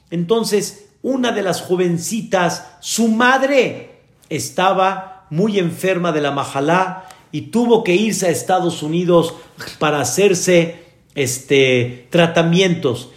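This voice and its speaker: A man, a rabbi giving an earnest sermon told as a story to his congregation. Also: high-pitched. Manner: earnest preacher addressing the congregation directly. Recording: echoey room.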